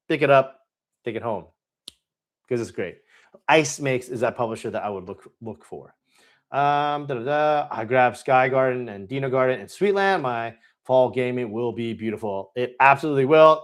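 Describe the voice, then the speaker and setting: A man hosting a casual live-stream question-and-answer session, speaking with eager enthusiasm. He rambles freely and often stops to correct himself mid-sentence. His voice sits at an ordinary middle pitch. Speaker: host.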